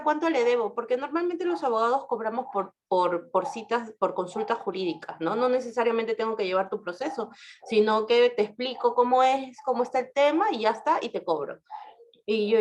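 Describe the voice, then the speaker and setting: A woman lawyer giving a casual talk full of anecdotes. She often ends her sentences with a tag question and shifts her voice when she quotes people. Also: slight background noise. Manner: storytelling with frequent tag questions; animated, shifts pitch for quoted speech.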